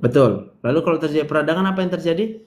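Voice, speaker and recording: A man's voice: a little high, lively intonation, racing. A man lecturing a medical class, firing questions at students, teasing them and joking bluntly. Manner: quizzing students, joking, brash direct address. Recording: roomy echo, faint room noise.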